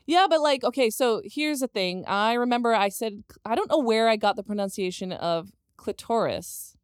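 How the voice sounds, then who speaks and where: A woman's voice: a little high, normal speed, clear, resonant tone, dry recording, clean studio sound. A woman co-hosting a podcast in casual chat, laughing and reading listener messages aloud. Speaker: podcast co-host.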